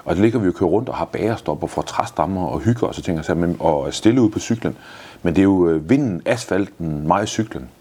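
A man's voice: deep voice, lively intonation, warm tone, slightly rough. A man in his fifties answering interview questions in a blunt, enthusiastic way, swearing freely. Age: 50s. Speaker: guest.

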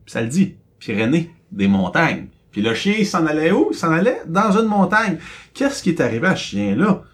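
A man with a Quebec French accent co-hosting a casual podcast, telling a story with rising questions and quick asides. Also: on the high side, very animated. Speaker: co-host.

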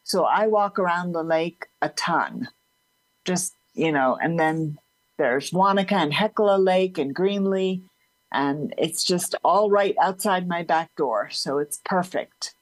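A woman's voice: on the low side, slow, no echo, poor audio. Chatty woman with a slight slur. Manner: slight slur in her speech; open, chatty, prone to laughing. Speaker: interview guest, support group leader. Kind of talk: casual conversational interview.

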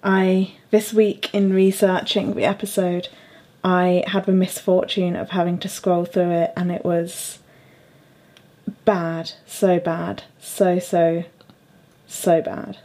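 A woman's voice: on the low side, little pitch movement, slow, mellow. Young woman, podcast host, casual chat, laughs a lot, filler-heavy. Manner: laughs often, chatty with fillers.

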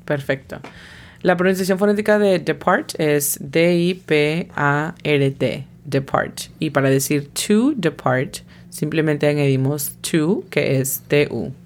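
Slow, low-voiced woman teaching English. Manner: patient, spells out pronunciations letter by letter. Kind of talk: scripted language lesson.

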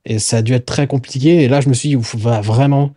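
A man's voice: medium pitch, fast, warm tone, no room sound, studio quality. A man co-hosting a casual book podcast, rambling and searching for words, swearing now and then. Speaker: podcast co-host. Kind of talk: casual chat about books.

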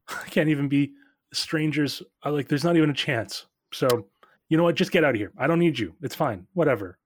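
Guy doing a sulky lonely dwarf, short bitter snaps, a bit louder and quicker than he normally talks. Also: on the high side, dry recording, voice pushed up, lightly acted. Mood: bitter, sulking. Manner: curt, self-pitying outbursts. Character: lonely bitter male dwarf, defensive and sulking.

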